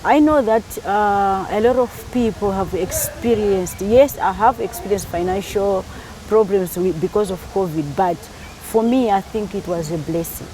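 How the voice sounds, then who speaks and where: Woman from Malawi, middle-aged, chatty interviewee, mid pitch, faint background hiss. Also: a little slow, dark tone, low-quality recording. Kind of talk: casual interview.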